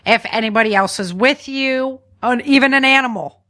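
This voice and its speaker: A woman hosting a podcast talks at a normal speed in a fairly high, sharp voice. Working from notes, she offers survival advice informally and instructively, regularly checking in with a "right?"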